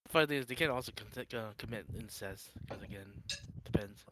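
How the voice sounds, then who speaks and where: A man chatting casually in a halting way, as if thinking aloud. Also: lowish voice, pushed and bright. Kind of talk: casual group chat. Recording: faint noise and clicks.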